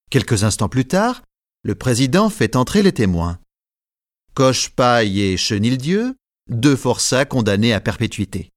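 A man narrating a story as an audiobook, in a measured, clear storytelling delivery. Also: mid-range voice, no room sound, clean studio sound.

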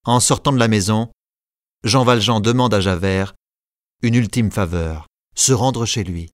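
Low-pitched man reading a storybook audiobook, measured and clear, dry close mic. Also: no echo. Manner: measured storytelling, voices characters lightly. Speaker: narrator. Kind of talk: scripted narration.

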